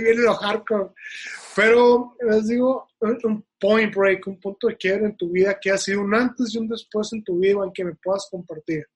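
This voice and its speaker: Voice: medium pitch, slight background noise. A podcast host with a Mexican Spanish accent, asking questions and urging listeners with enthusiasm. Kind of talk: casual interview.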